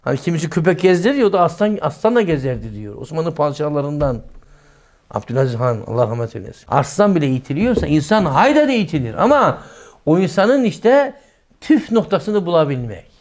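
A middle-aged male preacher delivers a lively sermon, raising his voice to act out quoted lines and going soft for asides. His voice is a little high and his pace a little fast.

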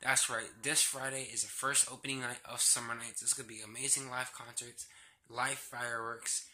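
With poor audio, a medium-pitched, level voice at normal speed sounds pushed and bright as a young adult vlogs indoors in his small bedroom. The theme park ride worker is subdued, hesitant and rambling, sick with a sore throat and a cold sore on his lip. He films on a phone or laptop at arm's length, and faint noise runs through the handheld recording.

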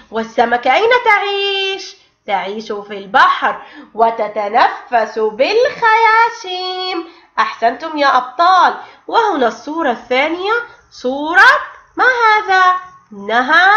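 A woman teaching kindergarten children in an online lesson, sounding out letters slowly. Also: sits high, pushed and bright. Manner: slow, drawn-out sounding of letters, sing-song praise. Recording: dull, echoey room.

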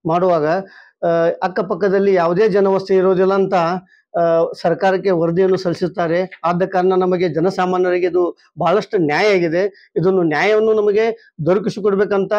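A middle-aged man, a local resident, making a halting appeal at a press conference with frequent fillers and restarts. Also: high voice, little pitch movement, darkish tone, no echo, muffled recording. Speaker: local resident voicing a complaint. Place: small indoor room, seated among a group.

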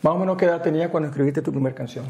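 Middle-aged male interview host, slightly high voice, mellow timbre, chatty, lapel mic. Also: rapid-fire. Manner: warm, chatty questions with a little English mixed in. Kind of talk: friendly interview in a studio. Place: small indoor studio, seated.

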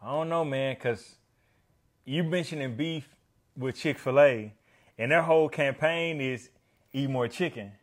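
A man co-hosting a podcast, talking in a relaxed, slangy way and often saying "bro". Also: medium pitch, unhurried, pauses often. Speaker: podcast co-host. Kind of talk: casual chat.

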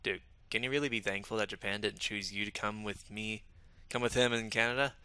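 A man's voice: on the low side, fairly even intonation, brisk, sharp tone, clean tone. A man doing a drawling, slangy young dude. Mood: spooked. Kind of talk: voicing game dialogue.

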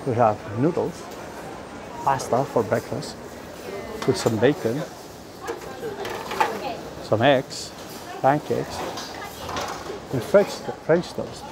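A middle-aged man from Spain, chatty and excitable, giving a casual walking vlog tour of a cafeteria, filmed on a phone at arm's length. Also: mid-range voice, slow, pauses often. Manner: chatty, excitable, lots of fillers. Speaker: vlogger touring the food halls. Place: indoor cafeteria and dining hall. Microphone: phone camera at arm's length. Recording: noisy phone recording.

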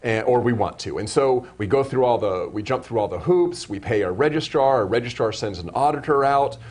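A man's voice: mid-range voice, expressive, brisk, a little mellow. A man hosting a live web broadcast interview, asking long, rambling questions full of restarts and self-corrections. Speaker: show host.

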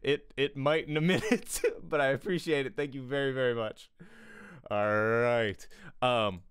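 In a small room, a man in his thirties leads a relaxed livestream acting lesson, regularly asking "right?" as he talks. His mid-range voice is a little slow, fairly even in intonation, fairly bright, and smooth, with no echo from the close studio mic, pop filter, and headphones.

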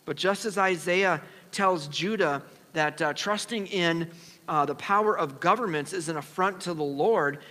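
A man preaching a sermon as pastor, earnest and measured, pausing and restarting as he explains scripture. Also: fairly high pitch, sharp tone. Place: church sanctuary. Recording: long church reverb.

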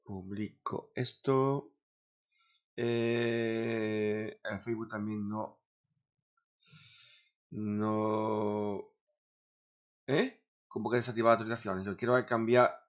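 Grumbling streamer, lo-fi sound. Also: male voice, on the low side, flat delivery, very slow, long pauses. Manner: grumbling, swears often, talks to himself. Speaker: gaming streamer. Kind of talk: casual streaming chatter. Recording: dull lo-fi sound.

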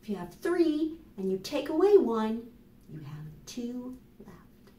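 An American children's librarian in her fifties hosts storytime, reading and explaining to young children with deliberate, animated delivery in a fairly high voice. A camera microphone a few steps away in a small, plain indoor room picks her up distantly, with roomy echo.

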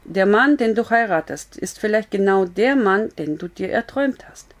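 A woman's voice: medium pitch, expressive, moderate pace, close to an everyday voice. A woman reading a story aloud, voicing a frank, blunt but comforting young woman in an earnest, raised voice.

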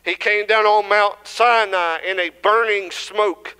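A man's voice: sits high, fairly even intonation, a little slow, bright, forceful tone, smooth. A young man with a Southern US accent preaching an earnest sermon from a church pulpit, building in intensity and often restarting his phrases. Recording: church hall reverb.

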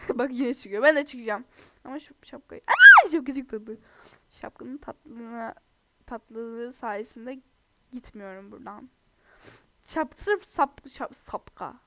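A woman's voice: on the high side, takes it slowly, noisy background. A young woman who is sick, giving chatty, giggly gameplay commentary to her viewers. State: sick, under the weather. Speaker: gaming video host.

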